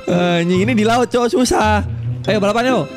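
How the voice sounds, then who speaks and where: High-voiced young man yelling over game music. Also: a little fast. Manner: loud, swearing, jumpy, teasing his co-player. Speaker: gaming YouTuber. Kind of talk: excited casual Minecraft commentary.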